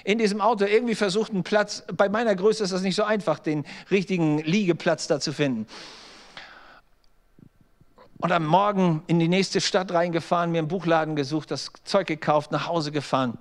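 A middle-aged male pastor with a fairly high voice delivers a lively, story-driven sermon. He slips into the voices of the people in his anecdotes, then turns and speaks straight to his listeners. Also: brisk, few pauses. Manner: storytelling preacher, acts out quoted voices, direct address to listeners.

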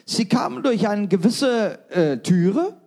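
A man interpreting a sermon live, phrase by phrase, with quick restarts and fillers. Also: high-pitched, sing-song, darkish tone.

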